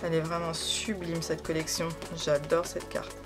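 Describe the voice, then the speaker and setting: A woman's voice: deep voice, little pitch movement, moderate pace. A woman vlogger chatting casually while unboxing scrapbooking supplies, gushing with enthusiasm and lots of fillers and repeats. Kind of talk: casual product unboxing chat. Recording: background music under the voice.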